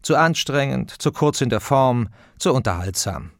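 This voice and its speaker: A man reading an audiobook introduction in a measured, even studio narration. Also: mid-range voice, gravelly, no echo.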